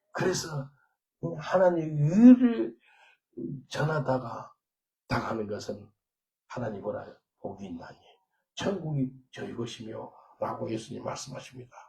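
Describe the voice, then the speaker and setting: Gravelly-voiced pastor preaching. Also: male voice, fairly high pitch, slight background noise. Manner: animated storytelling, swinging from loud to quiet; switches into simple English for quoted prayers and dialogue. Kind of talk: sermon with personal testimony.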